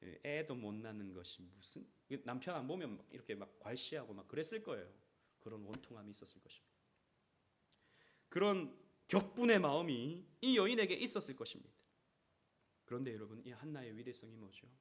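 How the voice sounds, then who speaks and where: A man's voice: mid-range voice, big pitch swings, a little fast, long pauses. A man preaching a sermon as pastor, acting out quoted prayers and voices. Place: church sanctuary.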